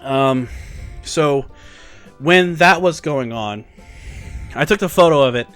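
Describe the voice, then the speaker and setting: A young man vlogger telling a story in a casual, rambling way, excitable and full of fillers. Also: fairly high pitch, slow pace, smooth, soft background music.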